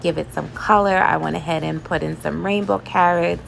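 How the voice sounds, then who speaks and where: A woman chatting casually as she cooks in her home kitchen, relaxed and loose, with laughs and fillers. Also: low voice, normal speed, gravelly, soft background music. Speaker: home cooking vlogger. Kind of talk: casual cooking voice-over.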